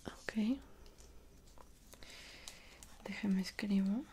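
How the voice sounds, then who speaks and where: A young Mexican woman performs a whispered role-play as an attentive dressmaker. She speaks softly and slowly, right to the listener, in a bright hushed voice. There is clear hiss behind her. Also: medium pitch. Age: young adult. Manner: soft, unhurried, attentive, speaking directly to the listener. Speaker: ASMR performer playing a dressmaker. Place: small indoor room at home.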